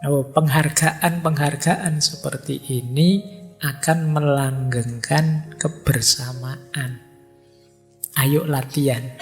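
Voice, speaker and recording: A man lecturing in a relaxed, conversational way, acting out little quoted dialogues as he teaches. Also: a little high, creaky. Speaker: Islamic philosophy lecturer. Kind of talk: relaxed lecture to a live audience.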